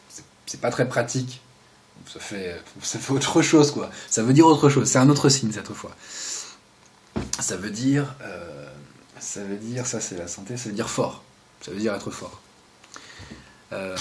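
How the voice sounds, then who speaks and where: Between explanations, the young man running this casual video lesson on sign basics tends to slip into quiet asides. He jokes and chats throughout, his voice at an ordinary middle pitch.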